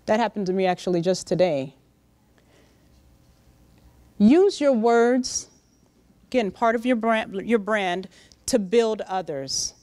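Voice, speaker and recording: A middle-aged woman giving a lively, direct motivational talk to young interns in a large conference room, speaking into a handheld microphone. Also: medium pitch, slow pace, pauses often, no echo. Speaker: workshop speaker. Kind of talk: motivational professional-development talk.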